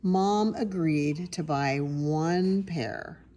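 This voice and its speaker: Low-pitched elderly woman reading unhurriedly. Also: mellow. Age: older. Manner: drawn-out, suspenseful phrasing when reading. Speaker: storybook reader. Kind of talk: children's picture book read-aloud with chatty asides. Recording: noticeable background noise.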